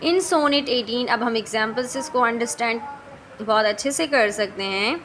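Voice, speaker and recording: A woman teaching a literature lesson in a fairly high voice. She reads each English line out slowly and carefully, then breaks it down at speed, asking the class a question and answering it herself. A faint hiss of noise sits under her voice. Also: fairly bright tone. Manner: reads English lines slowly, then explains them quickly with repeated questions. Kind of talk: classroom lecture explaining literature.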